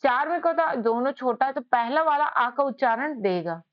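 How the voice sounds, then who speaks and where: A woman's voice: high voice, expressive, brisk, muffled recording. A woman teaching spelling in a patient lesson, repeating each point and asking questions back to her students. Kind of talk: whiteboard lesson.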